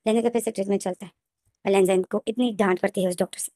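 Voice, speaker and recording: A woman narrating her own fan fiction story, retelling scenes rapidly and emotionally with frequent restarts. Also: mid-range voice, steady tone, mellow, no echo, clean studio sound.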